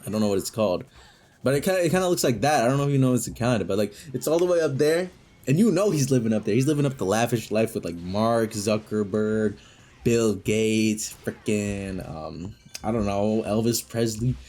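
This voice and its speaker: A man's voice: fairly low pitch, a little fast. A man improvising a comedy story in a rambling way, often correcting himself. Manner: rambling, self-correcting, animated.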